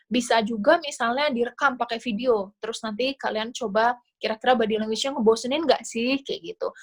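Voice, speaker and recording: A woman with an Indonesian accent talks a class through interview tips on a video call, in a fairly high voice. Her delivery is casual and chatty, loose and full of small fillers. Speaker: scholarship interview coach. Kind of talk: online class talk.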